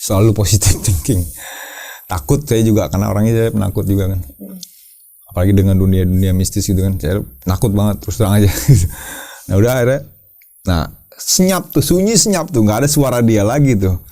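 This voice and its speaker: A man who leads a caving team, telling his story to an interviewer in a casual, lively way, repeating his words and acting out shouts. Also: on the low side, fast.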